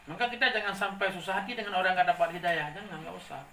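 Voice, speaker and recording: A male preacher giving a lively sermon, asking the congregation to complete his sentences. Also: sits high, quick pace. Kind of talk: sermon with call-and-response. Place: hall with a gathered congregation. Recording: echoey room, distant mic, faint noise.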